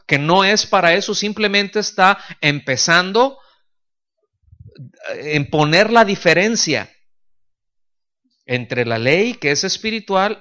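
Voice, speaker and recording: Male pastor, teaching sermon, slightly high and crisp-toned, explanatory, keeps checking understanding. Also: sharp tone. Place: church.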